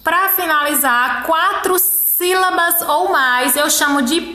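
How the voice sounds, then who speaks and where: A woman teacher with a Brazilian Portuguese accent, explaining a workbook lesson to young children and counting syllables slowly one by one. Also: very high voice, sharp tone, echoey room. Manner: slow, syllable-by-syllable counting, encouraging. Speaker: primary school teacher.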